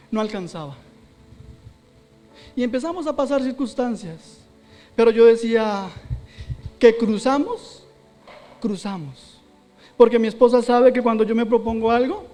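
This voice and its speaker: A man's voice: extremely high pitch, moderate pace, pauses often, dark tone, in a large hall, soft background music. A man preaching a sermon, telling a personal testimony and quoting his own prayers aloud. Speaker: pastor. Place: church hall.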